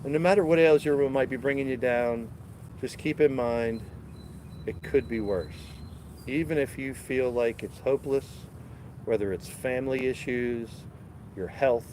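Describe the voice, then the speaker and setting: A laid-back man chats to his live-stream audience as he walks outside in a garden, phone camera in hand. His voice is medium-pitched, a little mellow and moderately paced, and he sounds congested. His talk is casual and rambling, with faint street noise in the background.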